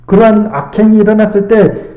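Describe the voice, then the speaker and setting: Man, pastor, high voice, earnest sermon, rhetorical questions, echoey church hall, dull lo-fi sound. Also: level tone. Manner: earnest, rhetorical questions, quotes scripture slowly. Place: church sanctuary.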